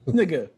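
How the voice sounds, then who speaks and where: A man appears as a comedian guest on a podcast, talking casually and profanely in a darkish tone and often repeating words as he works his way into a sentence.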